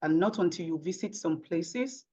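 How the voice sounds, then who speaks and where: A Nigerian woman, a tech professional whose native language is Yoruba, answers interview questions emphatically, using rhetorical questions, in a Nigerian accent. Her voice sits on the low side, expressive and dark in tone, at a moderate pace.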